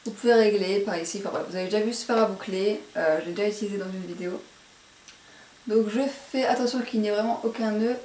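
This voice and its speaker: A woman's voice: medium pitch, fast talker, darkish tone, slight background noise. A woman with a posh French accent talks through a hair tutorial, hesitating and correcting herself with many fillers. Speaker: beauty vlogger. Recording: echoey room, mic at a distance.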